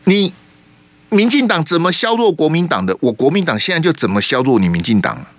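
A man's voice: fairly high pitch, expressive, brisk, no echo. A man with a Taiwanese Mandarin accent hosting a radio talk show, giving emphatic political commentary full of rhetorical questions into a studio mic.

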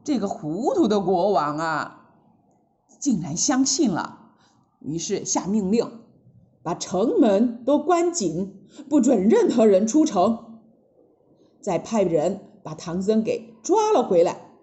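Woman storyteller for kids, expressive and unhurried, mellow tone, dull lo-fi recording. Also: medium pitch. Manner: animated, exclaiming, many interjections. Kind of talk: children's story narration.

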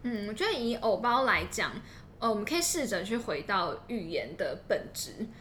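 Female co-host, young, Taiwanese accent, bright forceful voice, conversational and explanatory, slight background noise. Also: mid-range voice, big pitch swings, normal speed. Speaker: podcast co-host. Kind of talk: conversational educational discussion.

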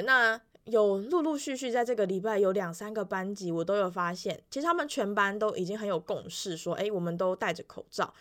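A woman's voice: mid-range voice, fairly bright tone. A young woman in her twenties, a music teacher, telling stories about her class in a casual, chatty weekly monologue full of fillers and restarts. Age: 20s. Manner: acts out children's voices in quoted lines.

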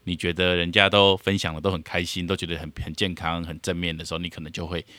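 A man's voice: low-pitched, level tone, fast talker, bright, forceful tone, dry recording. A man in a casual podcast chat, an attentive listener who answers with frequent short affirmations. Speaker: podcast co-host.

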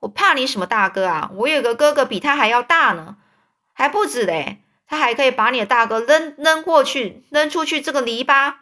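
A woman's voice: high-pitched, lively intonation, fairly quick, sharp tone, pitched above the performer's own voice. A woman voicing a well-dressed stranger boy who answers back with sneering dares in a spoken storybook retelling. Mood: scornful. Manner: sneering, dismissive retorts. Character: smartly dressed stranger boy, cocky and defiant.

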